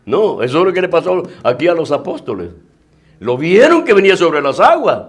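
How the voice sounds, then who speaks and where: A man preaching a sermon as pastor, emphatic and repetitive, swinging between loud declarations and hushed asides while addressing his listeners as brother. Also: fairly high pitch, very animated, brisk, breathy edge.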